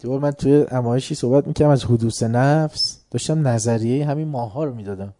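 A man's voice: mid-range voice, mellow, slight background noise. A man giving a philosophy lecture, emphatic, asking the audience rhetorical questions and urging them to pay attention.

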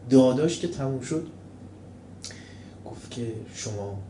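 A man preaching a sermon with told stories, swinging between loud mocking and quiet, calm storytelling. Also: mid-range voice, noisy background. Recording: echoey room, faint ambience.

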